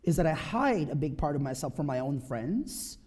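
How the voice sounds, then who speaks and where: A man from the Philippines, in his thirties, delivers a heartfelt, emphatic personal talk to listeners, frequently pausing for a brisk "right?". He speaks in a fairly high, sing-song voice with a darkish tone.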